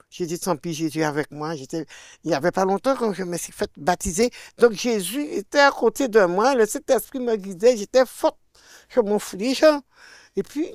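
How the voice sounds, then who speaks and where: An older woman with a Martinican French accent tells a personal faith testimony as an interview guest. She acts out the dialogue she quotes and swings between loud and hushed. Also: lowish voice, dry recording, studio quality.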